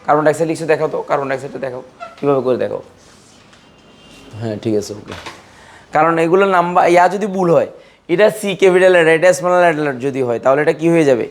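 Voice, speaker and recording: A man's voice: fairly high pitch, animated, racing, long pauses, a little hiss or hum. A man teaching a chemistry class, repeating key terms and quizzing his students, sometimes teasing and scolding them. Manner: repetitive, drilling students with questions. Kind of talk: classroom lecture.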